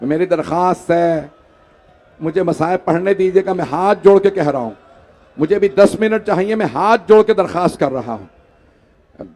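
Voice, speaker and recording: A man with a high-pitched voice delivers a mourning sermon to a gathering. He pleads with his listeners and rises into loud, wailing lament as he recites. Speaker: majlis orator. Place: mosque hall.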